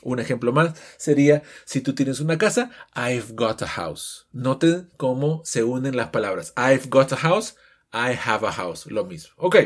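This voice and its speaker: Husky-voiced teacher, lively and animated. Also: male voice, medium pitch. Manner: switches between Spanish explanation and slow, drawn-out English examples. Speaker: English teacher. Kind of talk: recorded lesson explanation.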